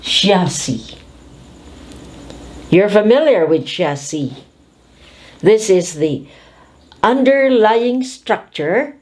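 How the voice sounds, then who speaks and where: Very slow, careful woman teacher. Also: mid-range voice, a little mellow. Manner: careful, over-articulated word drills. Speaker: pronunciation teacher.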